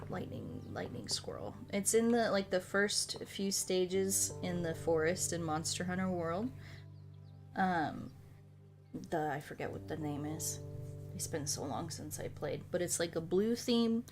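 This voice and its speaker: A woman with a lowish voice and lively intonation talks slowly to viewers on her gaming stream. She rambles casually, repeats herself, and swears freely, with music playing beneath her voice.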